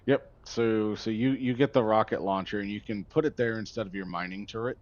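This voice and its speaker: A gaming streamer with a lowish voice chats casually and fairly quickly while playing a survival game, rambling and getting easily sidetracked as he talks to a viewer. The sound is lo-fi.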